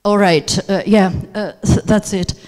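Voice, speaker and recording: A mid-range, slightly mellow female voice with fairly even intonation unfolds at an unhurried pace. The speaker, a teacher trainer whose first language is Russian, leads a workshop lecture hesitantly and with many fillers. It was recorded in a seminar room on a handheld mic, with hall reverb.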